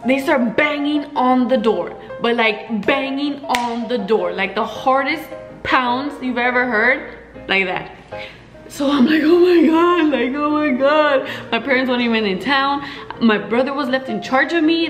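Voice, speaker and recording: A woman's voice: high voice, a little slow, reverberant, soft background music, low-quality recording. Chatty young woman telling party stories. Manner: chatty, animated quoting with frequent fillers. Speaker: vlogger. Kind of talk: casual storytelling.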